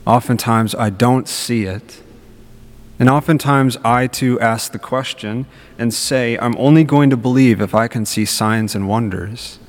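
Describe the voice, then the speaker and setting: A young man speaks at a Mass in a big church, his voice at a middling pitch. Each plain, earnest phrase rings out in a long cathedral echo that hangs in the hall behind him. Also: measured pace. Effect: cathedral echo, long church reverb. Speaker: preacher at a Mass. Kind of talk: gospel reading and homily. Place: large church. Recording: long reverb of a large church.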